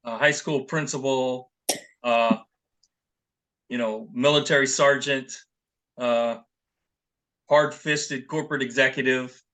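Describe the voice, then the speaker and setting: A man co-hosting a podcast chat, measured and storytelling, with occasional hesitations. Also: medium pitch, steady tone, a bit bright. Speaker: podcast co-host. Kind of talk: casual panel chat.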